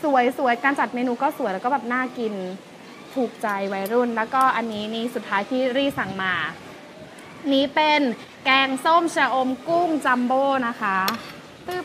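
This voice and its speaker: A young woman hosting a food vlog, chatty and excitable, walking through seafood dishes at a seaside restaurant. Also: a little high, normal speed, a little hiss or hum, poor audio. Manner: chatty and excitable, lots of fillers and exclamations. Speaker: food and travel vlog host. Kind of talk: casual food review walkthrough.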